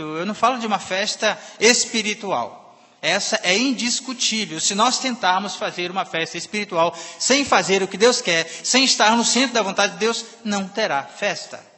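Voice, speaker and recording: A man preaching a sermon in a church, emphatic, swinging between loud and soft passages. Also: sits high, normal speed. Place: church sanctuary. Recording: long reverb of a church hall.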